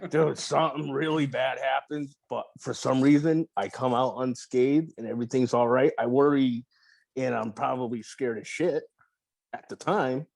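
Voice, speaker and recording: A man's voice: medium pitch, normal speed, vocal fry, no echo. Laid-back, profane storytelling guy, dry. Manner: relaxed, profane, rambling with restarts. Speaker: podcast guest. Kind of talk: casual interview storytelling.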